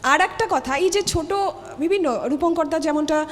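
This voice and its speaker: High-voiced woman host. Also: moderate pace, slight background noise. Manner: friendly, prompting guests. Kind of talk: hosting a festive talk show. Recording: reverberant studio with faint ambience.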